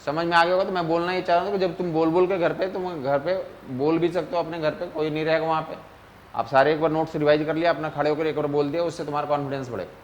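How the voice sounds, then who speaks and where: A man gives a relaxed physics lesson, his voice sitting a little high. He keeps checking that his students are following and slips English technical terms into the talk. A faint noise runs under the recording. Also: quick pace, muffled recording. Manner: mixes Hindi with English terms. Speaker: physics teacher. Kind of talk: casual classroom lecture.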